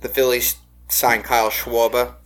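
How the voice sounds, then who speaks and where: Dude on a sports podcast, mid pitch, swears a lot, strong opinions on trades. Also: male voice, animated, moderate pace, a bit bright. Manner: blunt, swears freely, opinionated. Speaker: podcast co-host. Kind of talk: casual sports chat.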